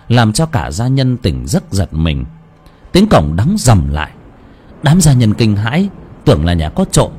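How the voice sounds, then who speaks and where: A man's voice: lowish voice, warm tone, slightly rough. A man narrating a horror story with dramatic, varied storytelling.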